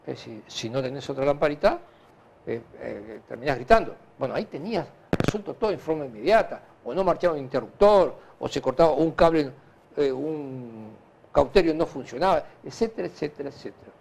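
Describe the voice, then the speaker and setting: A man with a Uruguayan Spanish accent answering conversationally in an interview, halting and repeating himself as he recounts anecdotes. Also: a little high, gravelly, a little hiss or hum. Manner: animated, halting and repetitive, with frequent filler tags. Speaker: interview guest, hospital director.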